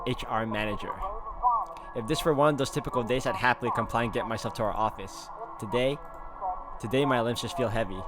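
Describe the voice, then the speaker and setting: A man with a medium-pitched voice hosts a game walkthrough at a fairly quick pace. He reads a visual novel aloud expressively and adds his own commentary, while loud music plays over his voice.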